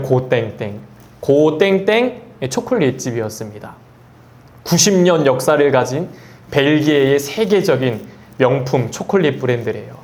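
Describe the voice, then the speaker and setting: A man preaching a sermon as pastor. He asks the congregation questions, reads scripture slowly and tells stories in a conversational way. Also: medium pitch. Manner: conversational storytelling asides.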